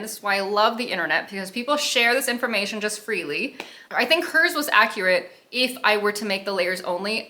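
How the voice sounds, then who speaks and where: Middle-aged woman baking host, bright voice, chatty and self-mocking, home kitchen vlog. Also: medium pitch. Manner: chatty, self-deprecating, rambling asides. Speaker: baking vlogger. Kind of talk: casual chat to camera.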